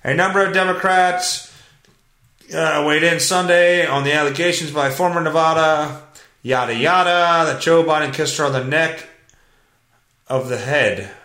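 Male podcast host ranting over headlines, foul-mouthed and exasperated, bright edgy voice in a roomy space. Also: on the high side, a little slow. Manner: profane, exasperated, blunt. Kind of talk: ranting solo commentary on news headlines.

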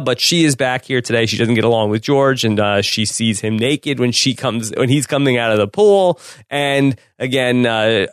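A man's voice: mid-range voice, clean tone, dry recording, studio quality. Joking man co-hosting a podcast. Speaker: podcast co-host. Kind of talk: casual podcast chat. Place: home room.

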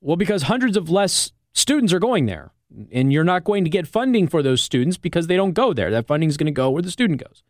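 A quick, sing-song, somewhat high-pitched American man hosts a radio talk show, explaining things in a conversational way and regularly asking "okay?" and "all right?" to keep listeners with him. He's recorded in a radio studio on a close mic, clean and free of room sound.

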